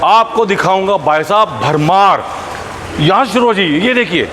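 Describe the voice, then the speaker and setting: A man hosting a hard-sell promotional video, excitable and exclamatory, repeating phrases for hype. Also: sits high, moderate pace. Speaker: video host promoting a dealer. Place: vehicle showroom and factory. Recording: echoey, noisy space with vehicle sounds.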